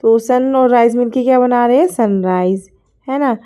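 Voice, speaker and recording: An Indian woman teaching a school English lesson, reading each English line slowly and then explaining it in Hindi. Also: a little high, dark tone, smooth.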